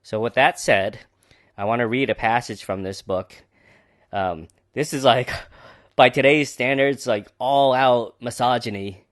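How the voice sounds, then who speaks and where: A man's voice: mid-range voice, unhurried, no echo. A man hosting a book podcast, talking casually and sarcastically with lots of fillers. His voice sits in a mid range. The sound is dry and close. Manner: sarcastic, rambling, with many fillers. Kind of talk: casual commentary.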